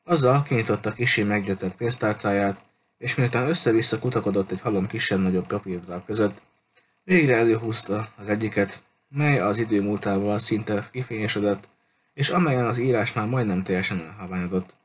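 A man reads a children's adventure novel aloud, unhurried and with small restarts. His voice is fairly low, and faint background noise sits under it. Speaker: audiobook reader.

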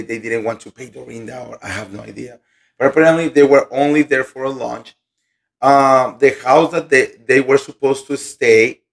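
A man hosts a casual gossip show with a voice that is hoarse and still recovering. He talks slowly and carefully to spare it, filling his sentences with chatty asides. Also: mid-range voice. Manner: chatty, filler-heavy, "you know" and "like".

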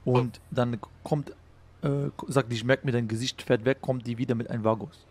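A man's voice: mid-range voice, fairly even intonation, normal speed, darkish tone, close to an everyday voice. A man playing a brash young street tough in a crime role-play game, retelling a quarrel in slangy, swaggering talk. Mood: indignant.

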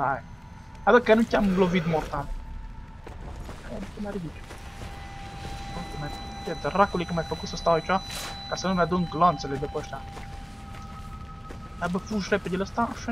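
A man giving excitable let's-play commentary, shouting and trash-talking at enemies. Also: high voice, long pauses, noisy background. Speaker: gaming video host.

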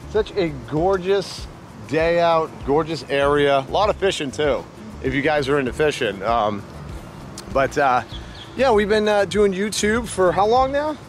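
Out in a town, a Maine-born vlog host chats in an easygoing way, often restarting and using fillers, with his regional accent. He speaks at a measured pace in a slightly high, animated voice, and faint music plays behind him.

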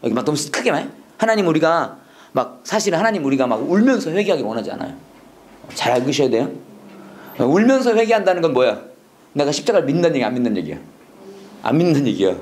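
A Bible school teacher with a medium-pitched voice gives a lecture blending English lessons with preaching. They are animated and quick to laugh at their own slips.

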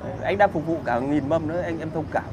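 A man's voice: on the high side, quick pace, noisy background. Coarse, combative man. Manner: combative, crude, profane. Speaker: livestream host answering viewer comments. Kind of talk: casual livestream rant.

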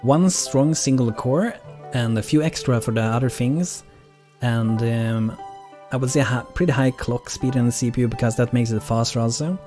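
Male game streamer, mellow soft-edged tone, mid pitch, casual rambling commentary, faint music behind. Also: moderate pace. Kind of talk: casual live gameplay commentary.

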